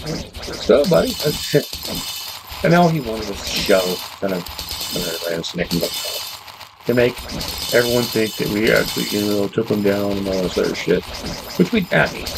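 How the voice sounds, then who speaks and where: Gravelly man telling a story, noisy recording. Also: moderate pace, pauses often. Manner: animated, jumps higher in pitch when quoting people. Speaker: gaming streamer. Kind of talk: casual storytelling while gaming.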